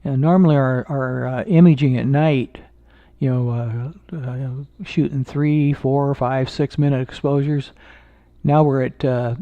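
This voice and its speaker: Gravelly-voiced man chatting on a live stream. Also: medium pitch, dry recording, phone-quality sound. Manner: relaxed, halting, with many fillers and restarts. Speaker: amateur astronomer streaming live. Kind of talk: casual live-stream chat with viewers. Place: indoors at home.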